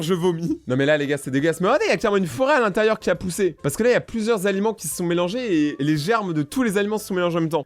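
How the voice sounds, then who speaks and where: A young man joking his way through casual reaction commentary, excitable and hopping from one topic to the next. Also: on the high side. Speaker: YouTuber reacting to videos.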